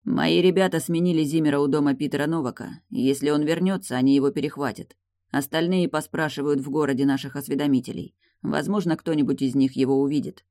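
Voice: medium pitch, steady tone, quick pace, dark tone, no echo, clean studio sound, close to an everyday voice. A reader voicing a frustrated man who keeps pressing for answers in an audiobook dialogue. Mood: insistent.

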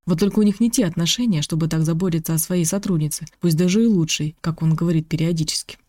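A narrator reads a novel aloud at an even, steady pace. The tone is warm and mellow, recorded close and dry with no room sound. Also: medium pitch, fast, dry recording. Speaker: audiobook narrator. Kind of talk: scripted narration.

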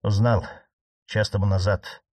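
A man's voice: fairly low pitch, level tone, unhurried, darkish tone, no echo. A man reading an audiobook, voicing an earnest young investigating judge who grows unsettled.

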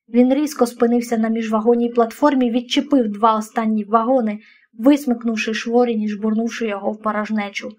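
A woman narrating a novel aloud in a steady, even reading voice. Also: a little high. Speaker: audiobook narrator.

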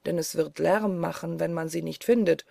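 A woman's voice: fairly low pitch, normal speed, vocal fry, dark tone, dry recording, studio quality. A woman reading the lines of a huge, greedy and sly male forest giant who mocks and boasts. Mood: boastful. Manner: mocking, boastful.

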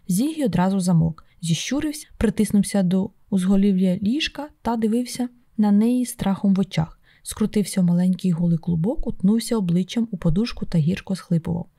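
A woman narrating an audiobook in a steady, measured storytelling voice. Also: medium pitch, dry recording, studio quality. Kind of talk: scripted narration.

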